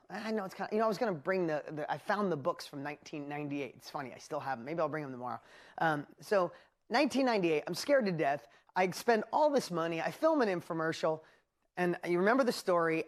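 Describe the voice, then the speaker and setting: A woman with a New York accent giving a motivational seminar talk, telling stories with energy and acting out her own inner voice. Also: fairly low pitch. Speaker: seminar presenter.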